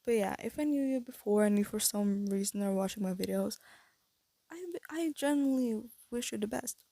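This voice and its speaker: A teenage girl rambling in a casual vlog with a breathy voice and a stuffy nose, talking through retainers and hesitating often as she thinks aloud into a close phone mic. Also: medium pitch, moderate pace, warm tone, dry recording. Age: teens. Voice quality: breathy, slight lisp from wearing retainers. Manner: hesitant, thinking aloud with many fillers and restarts. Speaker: vlogger. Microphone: phone held close.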